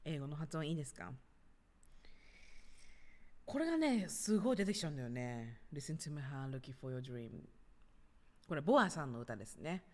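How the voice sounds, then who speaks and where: A woman in her thirties hosts a casual livestream from her apartment, chatting freely and reading out comments. Her voice sits fairly low but swings widely and animatedly in pitch. A long reverb trails behind her. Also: sing-song, a little fast, long pauses, darkish tone. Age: 30s. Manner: chatty, acts out little scenes in other voices, reads viewer comments aloud. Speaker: livestream host. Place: apartment home.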